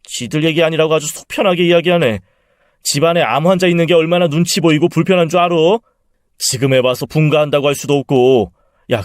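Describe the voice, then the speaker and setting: A man's voice: sits high, dry recording, studio quality, lightly acted. A man voicing a spiteful, scheming middle-aged son-in-law who mocks his sick mother-in-law. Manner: contemptuous, then flustered and pleading.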